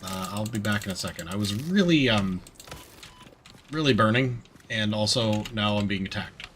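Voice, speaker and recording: A man's voice: on the low side, animated, moderate pace, fairly bright tone, slight background noise. A man giving casual, reactive gameplay commentary, muttering to himself and swearing as he plays. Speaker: video game player.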